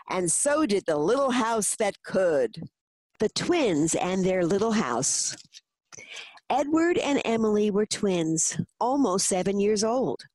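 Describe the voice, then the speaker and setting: A woman narrating a children's story in an expressive storytelling manner. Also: medium pitch, no echo.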